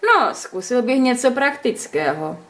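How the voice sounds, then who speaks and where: A woman reading a story aloud, voicing a teasing, mock-gallant young man in her own lively voice. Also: fairly high pitch, pitched above the performer's own voice. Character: teasing, cheeky young man, the story's first-person hero.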